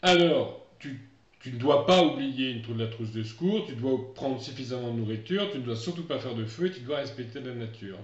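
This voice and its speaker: A middle-aged man from France teaching English, explaining at length in a chatty way and slowing down for English examples. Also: mid-range voice, animated. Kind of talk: online lesson. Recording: muffled, echoey room.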